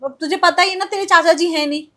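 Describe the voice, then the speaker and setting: A woman playing a lonely middle-aged aunt who defends herself and tries to calm the quarrel in a comic family skit. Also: extremely high pitch, fast talker. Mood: defensive. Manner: defensive, coaxing.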